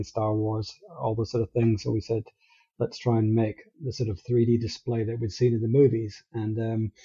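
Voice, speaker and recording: Scottish man in middle age, dark husky voice on a dull remote line, loose rambling guest talk. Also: medium pitch. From Scotland. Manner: relaxed, rambling with frequent restarts. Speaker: guest, company co-founder. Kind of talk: casual interview chat.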